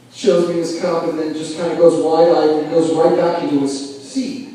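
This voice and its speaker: A man's voice: high voice, a little mellow. A man doing a stand-up comedy set in a club, telling a crude, rambling story full of swearing. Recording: echoey club room, mic at a distance.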